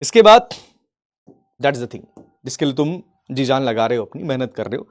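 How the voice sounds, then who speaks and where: A man teaching a live online class in speech, animated and repetitive, often asking if the students have understood. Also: mid-range voice, moderate pace.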